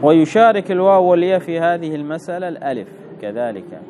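A man teaching Arabic grammar, reading a text and explaining it slowly, repeating key words and putting questions to the listener. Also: on the high side, noisy background.

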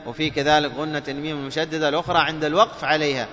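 A man teaching the rules of Quran recitation. He quizzes listeners with questions and chants the examples slowly. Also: a little high, little pitch movement, a bit bright, a little hiss or hum. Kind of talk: tajweed lesson. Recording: dull lo-fi sound with long reverb.

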